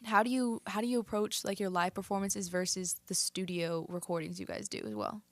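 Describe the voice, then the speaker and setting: A woman's voice: mid-range voice, fairly quick, dry recording. Woman hosting a chatty podcast. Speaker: podcast host. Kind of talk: casual interview.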